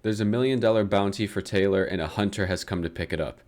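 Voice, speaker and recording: Low-voiced man narrating with sarcasm. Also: fast, darkish tone. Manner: sarcastic, swears freely, laughs at his own lines. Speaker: comedic book summarizer. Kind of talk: comedic scripted narration.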